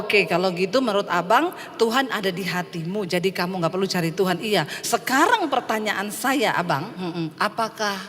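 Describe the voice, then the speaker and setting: A middle-aged woman pastor preaching a lively Easter sermon, telling stories and acting out the people in them. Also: medium pitch. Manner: lively storytelling, acts out quoted voices. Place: large church hall. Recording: reverberant church hall.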